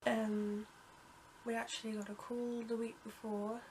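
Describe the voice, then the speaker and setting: A young British vlogger with a cold tells a casual story to camera, her congested voice flat and level and her pace a little slow. She rambles with lots of ums and restarts, coughing and clearing her throat. The rough recording carries a steady hiss.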